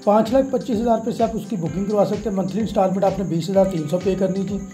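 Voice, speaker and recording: High-voiced man on a walking property tour. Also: rapid-fire, dark tone, soft background music. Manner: repetitive, reels off prices, frequent "viewers" and "ji". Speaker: property dealer giving a site tour. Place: outdoors in a housing development.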